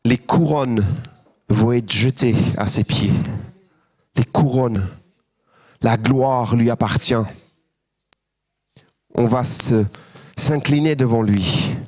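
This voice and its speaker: A man's voice: medium pitch, slow pace, long pauses, a little mellow, no echo. A man preaching a sermon as pastor, joyful and engaging his congregation with questions. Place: church.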